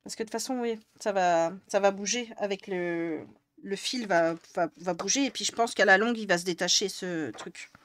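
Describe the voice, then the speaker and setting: A young woman from northern France is live-streaming while she colors, chatting with her viewers. Her voice is mid-range and a little bright, at a normal pace, and she sounds exasperated, swearing often as she talks to chat.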